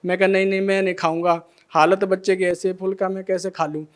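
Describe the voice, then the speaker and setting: A man's voice: high-pitched, flat delivery, quick pace, clear, resonant tone. A middle-aged man emotionally telling his testimony as a devotee, acting out the dialogue of each scene. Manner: retells scenes by acting out every line of dialogue.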